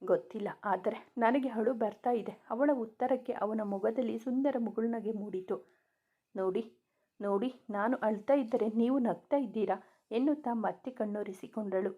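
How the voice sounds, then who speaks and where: Female storyteller, slightly high voice, reading a romance aloud over a tinny phone-like line. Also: moderate pace, husky.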